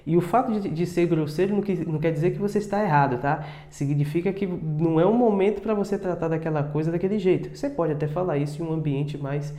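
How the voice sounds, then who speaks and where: Casual guy teaching english, says words slow and keeps going tá? né?, kinda echoey room. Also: on the high side, warm tone. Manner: chatty, repeats words slowly with many tags like tá and né. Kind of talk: casual video lesson.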